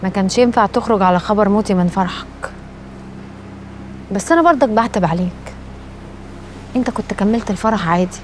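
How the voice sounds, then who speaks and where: A woman's voice: medium pitch, quick pace, pauses often, a little hiss or hum, close to an everyday voice. An actress playing a proud, reproachful woman with an Egyptian Arabic accent, teasing dryly. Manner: chiding, dry teasing. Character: proud woman back from supposed death, reproachful.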